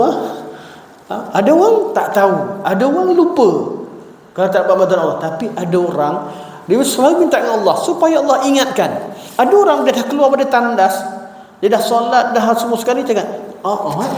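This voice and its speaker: A man with a Malaysian Malay accent giving a religious talk at a mosque, lively and rhetorical, acting out prayers and quotes. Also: very high voice, fairly quick. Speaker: preacher. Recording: echoey hall with long reverb.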